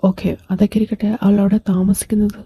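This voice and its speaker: A woman's voice: mid-range voice, little pitch movement, fast talker, warm tone, husky, no room sound, close to an everyday voice. A woman voicing a cold, possessive young male mafia boss in an amateur audio drama, curt and commanding. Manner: curt, commanding, switches into English.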